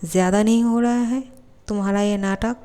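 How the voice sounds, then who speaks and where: A woman's voice: medium pitch, fairly even intonation, moderate pace, warm tone, smooth, close to an everyday voice. A woman voicing an arrogant young male college student who scolds and threatens, in a storybook reading. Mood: angry.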